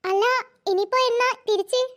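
A woman's voice: very high voice, fairly even intonation, fairly quick, a bit bright. Woman doing a chatty cartoon neighbour. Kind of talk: cartoon voice acting.

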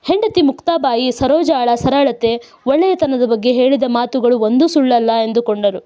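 A woman narrating a story in a calm, even-paced reading. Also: high-pitched, moderate pace. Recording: dull lo-fi recording.

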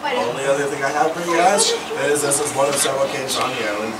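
Male tour guide, young adult, wry and informal, cave echo, distant camera mic with loud background noise. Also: mid-range voice, fast talker. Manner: casual, wry, practised patter. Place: inside a small rocky cave underground. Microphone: distant handheld camera mic.

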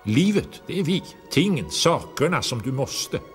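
A cold, domineering house speaking for its possessions, stern and declaiming with wide swings in pitch, as a male reader gives it voice. Faint music lies underneath. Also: sing-song, natural voice.

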